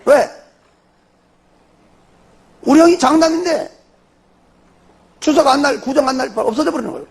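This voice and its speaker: An older man with a Jeolla accent, a church elder telling his testimony in an animated way and tossing in rhetorical questions. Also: very high-pitched, moderate pace, creaky, pauses often. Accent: Jeolla Korean. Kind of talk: spoken testimony before a congregation.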